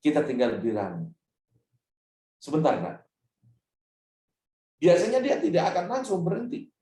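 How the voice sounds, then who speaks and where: A male Islamic preacher giving a parenting lecture, animated and speaking directly to the parents in his audience. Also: a little high, brisk. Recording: roomy hall, mic at a distance.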